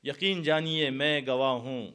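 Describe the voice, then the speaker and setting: A man's voice: medium pitch, a bit bright, clean tone. A man from India preaching a storytelling sermon to a gathered audience, building to impassioned climaxes. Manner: dramatic, rising to impassioned climaxes.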